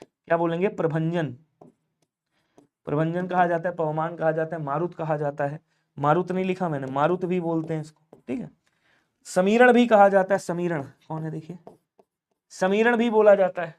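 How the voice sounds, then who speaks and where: High-voiced man drilling a Hindi class. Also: steady tone, moderate pace. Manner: drills students with call-and-response questions. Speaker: Hindi teacher. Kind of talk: online exam-prep class.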